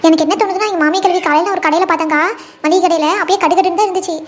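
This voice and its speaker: A woman's voice: extremely high pitch, steady tone, very fast. A woman voicing a chatty, gossipy village neighbor in a cartoon, worried about a friend.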